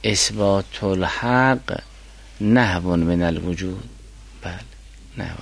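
A man teaching a class on a mystical philosophy text, reading classical quotations slowly and then explaining them. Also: deep voice, creaky, a little hiss or hum.

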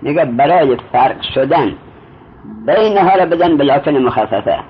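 A man's voice: on the high side, lively intonation, slight background noise. A man teaching a traditional Arabic grammar lesson, explaining step by step and quizzing his student as he goes. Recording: muffled lo-fi recording.

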